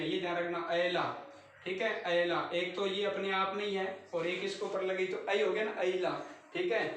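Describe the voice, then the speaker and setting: High-voiced man teaching Hindi grammar. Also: slight background noise. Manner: repetitive, drills each word with quiz questions to students. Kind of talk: classroom grammar lesson. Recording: very echoey room, mic far off.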